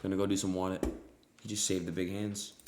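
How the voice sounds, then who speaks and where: A young man livestreaming his gambling, swearing a lot, swinging between loud outbursts and muttering. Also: sits low, flat delivery, a little fast, roomy sound, a little hiss or hum. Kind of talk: live gambling stream chat.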